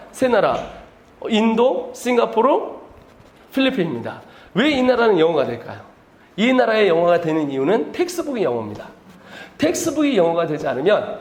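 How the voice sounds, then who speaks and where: High, lively male lecturer; chatty, jokey, echoey hall sound. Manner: animated, chatty, laughs at his own jokes. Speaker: missionary speaker at a teachers' seminar. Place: indoor seminar room.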